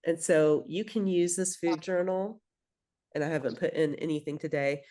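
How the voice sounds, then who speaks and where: A woman's voice: deep voice, fairly even intonation, normal speed, mellow. A woman who grew up in Belgium leads a group session as a program coach. She talks conversationally, fills her sentences with "like" and "um", and stops to ask the group for questions. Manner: conversational, many fillers, addresses the group.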